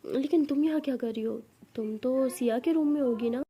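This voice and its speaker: A woman voicing a caring young sister who talks in a soft, concerned way. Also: high-pitched, a little fast, dull audio, close to an everyday voice.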